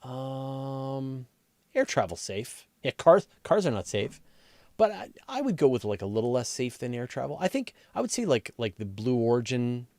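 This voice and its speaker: With a mid-range, darkish voice and a sing-song lilt at a moderate pace, a man runs a laid-back live science Q&A on astronomy. A science journalist, he reads questions and replies off the cuff, thinking out loud and rephrasing conversationally, with no room sound in the recording.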